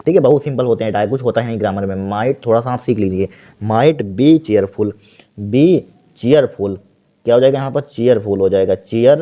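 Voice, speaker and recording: Dark-voiced male tutor drilling grammar. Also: medium pitch. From India. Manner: repeats words slowly while writing, asks and answers himself. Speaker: teacher. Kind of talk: exam-prep grammar lesson.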